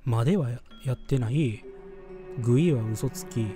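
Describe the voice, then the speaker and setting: A man playing a horror game, reading its story text slowly aloud and reacting with casual, nervous asides. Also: medium pitch, mellow, faint music behind. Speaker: game streamer.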